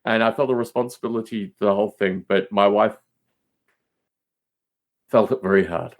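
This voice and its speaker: This podcast host, here as a guest, is a middle-aged man whose lowish voice holds a steady tone at a normal speed. In casual conversation he rambles through stories emphatically, frequently repeating words to drive points home.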